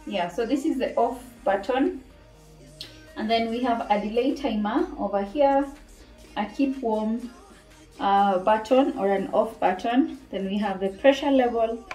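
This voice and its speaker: A woman's voice: fairly high pitch, unhurried, dark tone. A young woman from Tanzania casually reviewing a kitchen appliance at home, chatting and thinking aloud as she shows each part. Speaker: cooking vlogger. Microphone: camera mic from a few feet away. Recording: roomy kitchen sound, mic at a distance. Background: background music.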